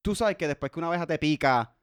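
Give me a young Puerto Rican comedian talking on a podcast in a slightly raised, smooth voice. He speaks haltingly and repeats words as he hunts for the next one. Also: fairly high pitch, expressive. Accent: Puerto Rican Spanish. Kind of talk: casual podcast chat.

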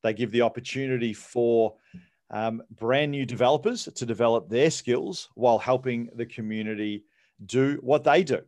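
A man's voice: medium pitch, moderate pace, a little mellow. An Australian man hosting a podcast, chatty and casual, calling people mate. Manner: chatty, uses 'mate'. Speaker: podcast host.

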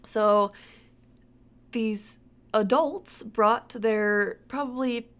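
A woman's voice: a little high, very slow, fairly bright tone. A young woman co-hosting a casual podcast chat, easygoing, often agreeing and laughing along. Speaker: podcast co-host.

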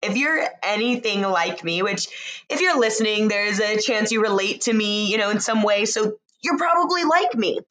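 A woman with a mid-range voice speaks straight to the listener in a casual, intimate motivational style. She lets phrases stretch out with pauses between them. Her manner is reassuring and encouraging throughout. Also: mid-range voice, animated, a bit bright, slight background noise, low-quality recording.

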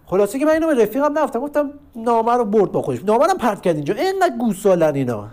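A young man tells rough neighborhood stories in a casual, slangy monologue. His pitch swings widely as he acts out the voices of people in his stories, and his language is crude and street-level. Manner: slangy, crude street talk with lively acted quotes.

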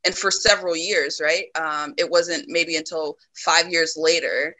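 A woman from the United States talking reflectively in a casual conversation, often pausing with ums and laughing. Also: low voice, steady tone, pushed and bright, rough recording.

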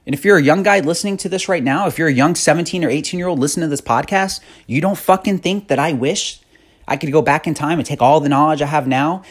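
Podcast host, man, 30s, husky, blunt and profane, hard-driving motivational rant. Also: on the high side. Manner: blunt, profane, increasingly fired-up. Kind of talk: motivational monologue.

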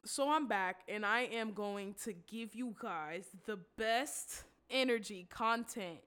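Woman, 20s, solo podcast host. Slangy, candid, stuffed-up nose, smooth tone. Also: mid-range voice, takes it slowly, fairly bright tone. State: congested, under the weather. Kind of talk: casual solo podcast talk.

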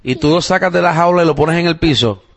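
A man from Puerto Rico with a Puerto Rican Spanish accent, hosting a casual family podcast and talking with his young daughter. He chats in a relaxed way with plenty of fillers and the odd English phrase. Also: fairly high pitch, fast talker. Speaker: podcast host and father.

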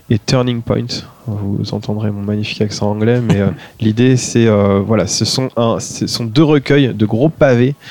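A man's voice: on the low side, warm tone, dry recording. A man, a guest author talking through film and book picks on a podcast, hesitant with many fillers. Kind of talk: podcast conversation.

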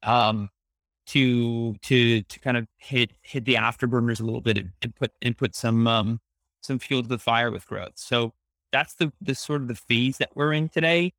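A man talks like a tech bro, answering interview questions as a startup founder. His delivery is halting and buzzword-heavy, with words repeated mid-thought. The sound is very dry and close. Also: medium pitch, steady tone, a bit bright, dry recording.

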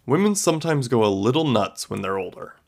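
A man's voice: mid-range voice, very animated, a little fast, a little mellow. Man doing a grumpy, dismissive old husband. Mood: grumbling. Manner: gruff, dismissive.

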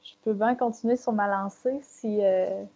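Québécois lady panelist, warm low-key voice, lots of euh, muffled lo-fi audio. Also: steady tone, moderate pace. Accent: Québécois French. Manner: thoughtful, explanatory, with many fillers. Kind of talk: round-table discussion.

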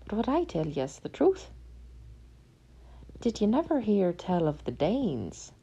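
A woman voicing a crafty little male leprechaun who talks in sly, quick, high-pitched banter. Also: wildly swooping pitch, vocal fry, warm tone, slightly rough, muffled recording, exaggerated voice. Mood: scolding.

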